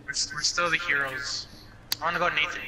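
A man's voice: fairly high pitch, fairly even intonation, crowd noise, rough recording. A male co-player bantering and joking during a let's-play, with a sore throat. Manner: quick jokey banter. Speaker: co-player on gaming channel.

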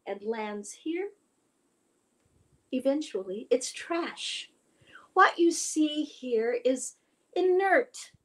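A vain mermaid sea cow lectures the small sea creatures with lofty scorn, as a woman puts her on. Her speech is slow and drawn out, and she sounds proud of herself. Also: high voice.

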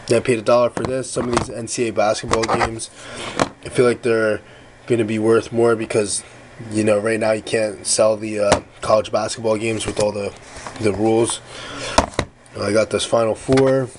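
Guy doing a chill flea market haul vlog, mid-pitch voice, rambles with lots of ums and corrects himself, faint hiss behind. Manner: relaxed, rambling, many fillers and self-corrections. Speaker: flea market reseller showing finds.

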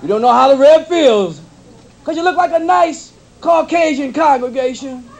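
A man's voice: very high-pitched, lively intonation, moderate pace, darkish tone. A man doing a stand-up routine as a preacher, with a preaching cadence and folksy slang on a live comedy stage.

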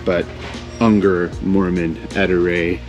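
A man's voice: low voice, flat delivery, slow, darkish tone, faint music behind. A man in his thirties hosting a casual, upbeat walk-through tour of a large warehouse on a lapel mic. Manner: upbeat, enthusiastic. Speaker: vlog host.

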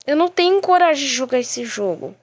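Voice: high-pitched, very animated, fairly quick. A female speaker with a Brazilian accent gives casual, scared commentary for viewers over a phone screen recording, anxiously repeating words. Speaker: video creator. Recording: dull, muffled lo-fi phone recording.

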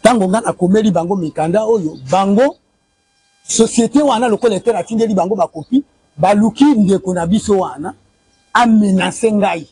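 A Congolese man in his forties speaks in a high, dark, slightly rough voice at a moderate pace, with no room sound. Outdoors in a courtyard by a building, on a lapel mic, he recounts a family money dispute for a street interview. He is insistent, repeating dates and sums and waving documents.

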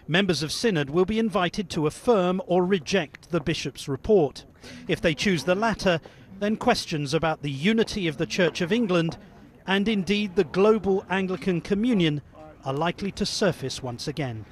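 A man, a religious affairs correspondent, narrating a scripted news report in a measured, formal way. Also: sits high, lively intonation.

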